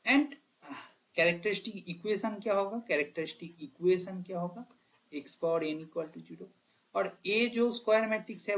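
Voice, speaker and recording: A man teaches maths in a voice that sits somewhat high for a man. He works through exam problems out loud, checking in with his students often. He stops to correct himself mid-thought. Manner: talks to students directly, "bhai" and "clear?", thinks aloud and corrects himself. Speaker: math teacher. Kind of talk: exam problem walkthrough lesson.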